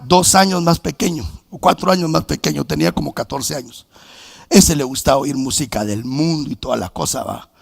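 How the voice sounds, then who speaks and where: A middle-aged male pastor preaches from the pulpit, telling his own story through quoted dialogue. His voice is gravelly and sits a little high, climbing into bursts of shouting. The sound is close and dry. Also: no room sound. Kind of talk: sermon. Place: church sanctuary.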